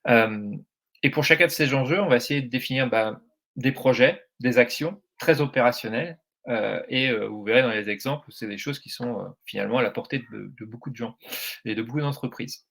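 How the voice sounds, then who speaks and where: Hesitant French man with gravelly voice. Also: medium pitch, fairly quick, fairly bright tone. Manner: hesitant, many fillers and restarts. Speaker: meetup speaker. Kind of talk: presentation talk.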